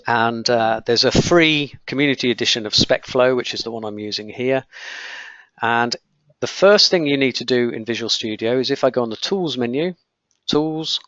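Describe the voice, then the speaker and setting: In a live webinar on software testing, a man with a croaky, mid-range voice clicks from screen to screen, explaining with frequent ums and okays. There's no room sound, and the highs are cut off.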